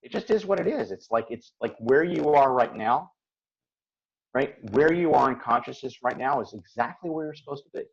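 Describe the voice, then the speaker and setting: A man's voice: mid-range voice, animated, normal speed, creaky, breathy edge, dull audio. A man hosting a motivational call, talking in an earnest, reflective way and acting out his own inner voice. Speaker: host and coach. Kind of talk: casual motivational talk on a call.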